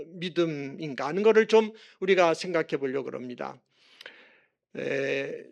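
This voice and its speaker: High-voiced Korean pastor preaching. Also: male voice. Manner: earnest preaching, rises in pitch and volume for emphasis; acts out quoted lines with raised voice. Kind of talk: sermon.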